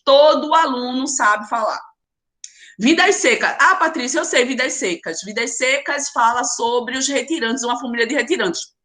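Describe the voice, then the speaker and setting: A woman with a sharp, higher voice and a Brazilian accent delivers a live online literature lecture. She addresses her students straight on by name, urging them along emphatically.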